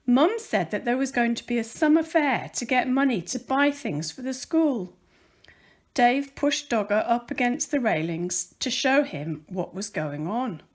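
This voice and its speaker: A woman reads a children's picture book aloud in a high-pitched voice at an unhurried pace. Her storytelling is deliberate and careful, with dramatic emphasis and an expressive delivery.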